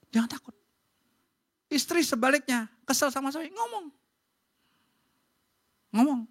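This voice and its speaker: A woman pastor, preaching in a lively, colloquial way and acting out quotes. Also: fairly low pitch. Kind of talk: sermon. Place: church.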